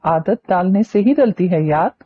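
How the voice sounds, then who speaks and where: A woman's voice: fairly low pitch, lively intonation, measured pace, phone-quality sound, a little hiss or hum. A woman reading a novel aloud, voicing a teasing, mischievous young man who mocks a girl. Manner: mocking, teasing.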